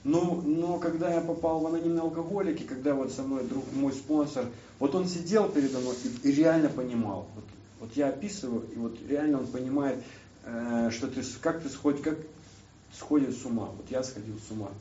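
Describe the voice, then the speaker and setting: A man's voice: mid-range voice, warm tone, a little hiss or hum. Man telling his story in an echoey hall. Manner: halting, searching for words, many restarts. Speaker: recovery speaker sharing his story. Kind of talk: personal testimony to a group. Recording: distant roomy hall mic, dull.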